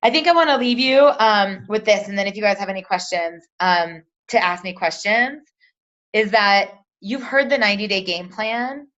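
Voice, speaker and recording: A woman's voice: medium pitch, normal speed. Casting: upbeat woman team leader, pep-talk energy, muffled lo-fi call audio. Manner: energetic, pep-talk delivery with repeated "right?" and "you guys".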